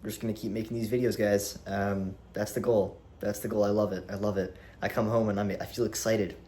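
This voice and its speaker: A young man around twenty vlogging to a camera on a tripod, animated and rambling, with swearing and restarts. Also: lowish voice, brisk, a little hiss or hum. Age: young adult. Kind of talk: casual talk to camera.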